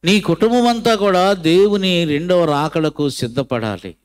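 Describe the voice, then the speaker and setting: A man's voice: measured pace, clear, resonant tone. Preaching man with dramatic swings. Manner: preaching with large swings of pitch and loudness, voicing the characters of his story. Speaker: pastor. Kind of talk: sermon with storytelling.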